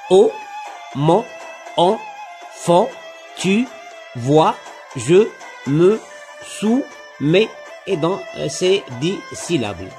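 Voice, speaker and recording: A man lectures on poetry in a slow, deliberate way, spelling out syllables one by one. His somewhat high voice rises and falls a great deal. Soft music plays faintly behind him. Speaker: literature teacher. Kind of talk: lecture-style poem analysis.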